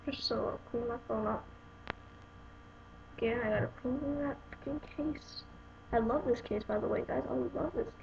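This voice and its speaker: A young adult woman vlogs an unboxing review of a phone case, rambling to her viewers and sounding exasperated. Her voice is fairly high and gravelly, at a moderate pace with long pauses. The home video is dull and lo-fi, with noise.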